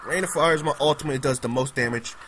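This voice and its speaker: A man casually commenting on his own game as he plays, excitable and prone to repeating himself. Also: fairly high pitch, fast, slight background noise, low-quality recording. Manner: excitable, repeats pleading words, laughs often. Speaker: gamer recording gameplay commentary. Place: at home on a laptop.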